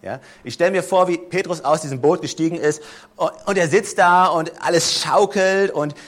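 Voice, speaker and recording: A man with a slightly raised voice delivers a sermon to a gathered congregation. He tells the story in a relaxed, conversational way. He often pauses to check in with his listeners. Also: on the high side. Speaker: preacher.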